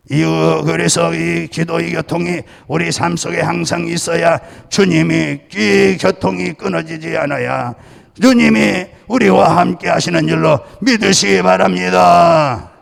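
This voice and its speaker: Male pastor from Chungcheong, gravelly, slightly high voice, emphatic sermon delivery in a church with a long echo. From Chungcheong, Korea. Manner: emphatic preaching with repeated calls to believe; jokes with the congregation. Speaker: senior pastor. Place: church sanctuary. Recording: long church-hall reverb.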